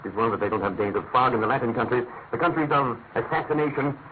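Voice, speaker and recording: An actor playing Sherlock Holmes, a brilliant, restless detective with a dry, declamatory manner, in classic radio drama style. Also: male voice, mid-range voice, fast, lightly acted. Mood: bored, restless. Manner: articulate, declamatory, musing. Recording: tinny narrow-band radio recording with hiss.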